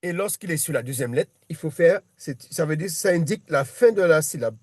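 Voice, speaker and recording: Guy teaching a student one on one, patient, keeps restarting, pretty high voice. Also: animated, fairly quick, darkish tone, no room sound, clean studio sound. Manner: patient, repeats himself, many restarts. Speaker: Hebrew reading teacher. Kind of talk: one-on-one lesson.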